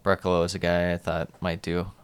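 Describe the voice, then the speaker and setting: A man's voice: low voice, completely flat delivery, a little fast, smooth, no echo. A man hosting a casual sports podcast, talking through soccer matches conversationally. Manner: conversational, asks co-host for opinions.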